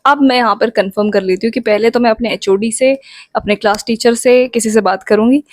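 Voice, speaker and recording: A young woman chats through a storytime vlog, playful and talking straight to her viewers. Her voice sits a little high, and the recording is dry and close. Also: brisk, no echo. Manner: chatty, playful, addresses viewers directly. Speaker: vlogger. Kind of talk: casual storytime.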